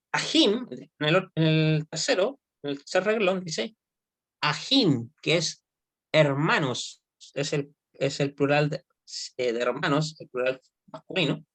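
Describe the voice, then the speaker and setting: A male teacher giving an online Hebrew lesson. He explains slowly and keeps checking that students follow. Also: on the high side, lively intonation, fairly bright tone. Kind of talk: online class lecture.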